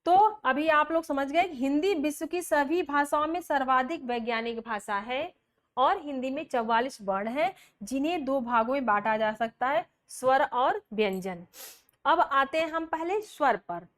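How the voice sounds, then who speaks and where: A woman's voice: high-pitched, animated, measured pace. A woman teaching a grammar lesson, explaining step by step, posing questions and answering them herself, and spelling out sounds one by one. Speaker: Hindi teacher. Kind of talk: classroom lecture.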